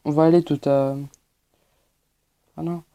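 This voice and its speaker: A man's voice: on the high side, level tone, unhurried, dark tone. A man giving hesitant, explanatory gameplay commentary as a channel host, with many fillers.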